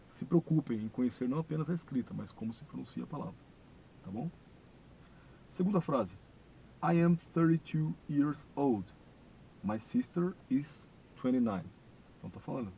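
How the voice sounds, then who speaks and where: A gravelly, dark-toned Brazilian man gives a community English lesson on video. He explains patiently in Portuguese, slowing down to say each English phrase clearly. A faint low rumble sits under his voice. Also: low-quality recording. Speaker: English teacher. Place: church classroom.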